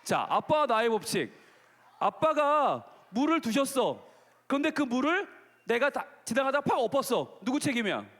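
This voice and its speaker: A man's voice: extremely high pitch, big pitch swings, moderate pace, fairly bright tone. A man preaching a playful children's sermon who keeps asking the kids questions. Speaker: pastor. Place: large gymnasium. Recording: long reverb of a gymnasium hall.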